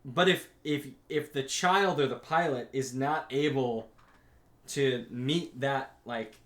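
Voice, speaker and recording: A man's voice: medium pitch, fairly bright tone. A man co-hosting a casual podcast, rambling with many restarts and some swearing, sometimes acting out characters' lines. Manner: acts out characters' lines in quick asides. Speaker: podcast co-host. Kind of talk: casual podcast chat about anime. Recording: roomy echo.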